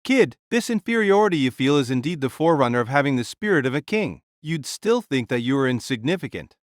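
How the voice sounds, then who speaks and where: A man acting a hearty, animated giant warrior king. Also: mid-range voice, quick pace, no room sound, clean studio sound, lightly acted. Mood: frank, encouraging. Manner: hearty, bold, grandiose. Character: huge boisterous male warrior king spirit, jovial and boastful. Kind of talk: dramatised audio story dialogue.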